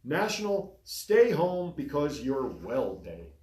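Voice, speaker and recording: This podcast co-host speaks slowly in a voice on the high side, with an echoey room around him in a small studio. He keeps the chat casual and lively while reading through a list of topics.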